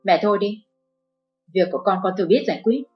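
A woman voicing a protective young husband who speaks loud and firm to his parents in a narrated story. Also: mid-range voice, fairly quick, natural voice. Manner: firm, raised. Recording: dull lo-fi with faint music.

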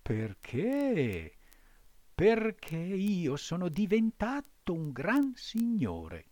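A man's voice: high-pitched, wildly swooping pitch, very slow, dark tone, no echo, pitched above the performer's own voice, heavily acted. A man voicing a naive, boastful wooden puppet boy in a storybook reading. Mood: eager.

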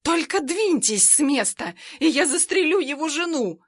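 A hoarse, shrieking young villainess, as a woman reader puts her on, reckless and furious, snarling every threat. Her voice jumps high and loud above the reader's own, and the recording is close and dry. It sounds like an audiobook scene. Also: expressive, unhurried, no echo, heavily acted.

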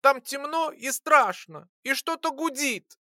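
A narrator voicing a tiny, indignant female winged creature with a shrill, squeaky voice in an audiobook. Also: animated, slow pace, no room sound, clean studio sound, full character voice. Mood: furious. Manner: indignant, yelling, capricious. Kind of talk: audiobook character voice.

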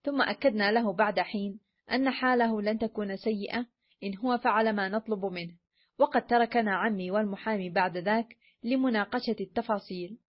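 A woman reading a story aloud as narrator, in an even, measured way. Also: mid-range voice, husky. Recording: dull lo-fi recording.

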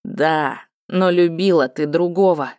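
Woman reader doing a vengeful male cat-folk villain for a fantasy audiobook, cold and low, dry close read. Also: slow, a little mellow, clean tone, no room sound. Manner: cold, low and hissing with hatred. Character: bitter vengeful male cat-folk lord, middle-aged.

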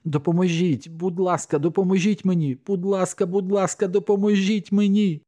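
A man's voice: fairly even intonation, moderate pace, warm tone. A man voicing a sobbing frantic woman. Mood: desperate pleading. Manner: high pleading cries. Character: distraught young woman, sobbing.

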